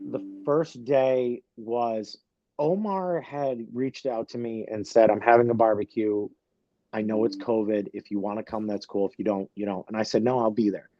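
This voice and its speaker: A man, a wrestler guest on a podcast, telling a story in halting speech full of fillers and restarts, close to tears. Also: mid-range voice, dark tone, dry recording, lo-fi sound. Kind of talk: emotional podcast interview.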